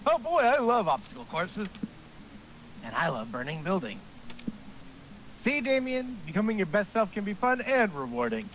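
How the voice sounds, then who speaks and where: A beefy, cheerfully clueless monster coach, put on by a man who booms every line with upward energy. The voice sits higher than usual and swings in pitch. A light noise floor hangs under it. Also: very animated, moderate pace, pauses often, fairly bright tone, low-quality recording. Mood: eager. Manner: booming, cheerfully oblivious. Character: gung-ho male monster gym coach.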